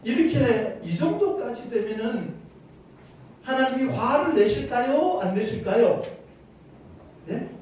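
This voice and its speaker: A man's voice: very high-pitched, lively intonation, takes it slowly, pauses often, a little mellow. A male pastor preaching a sermon, telling the story animatedly and asking the congregation questions. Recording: echoey church hall, distant mic, faint noise.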